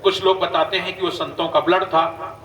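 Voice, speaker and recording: A man with a telling religious stories as a folk sermon to a gathering, animated and acting out the characters' lines. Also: high-pitched, moderate pace. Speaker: religious storyteller. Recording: echoey, far from the mic, crowd behind.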